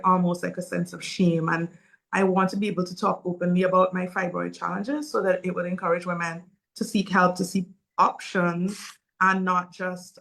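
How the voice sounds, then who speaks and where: Woman in her forties from Saint Vincent, low-pitched, earnest, candid panel guest with filler words. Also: vocal fry, fairly bright tone, poor audio. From Saint Vincent and the Grenadines. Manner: earnest, open, with frequent um fillers. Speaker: guest speaker. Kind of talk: personal story in an online panel.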